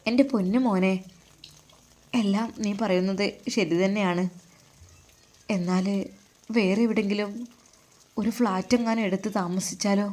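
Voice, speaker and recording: Woman reading as an older widowed mum, pleading and tender, malabar accent, warm dark voice. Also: mid-range voice, steady tone, unhurried, long pauses, close to an everyday voice. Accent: Malabar Malayalam.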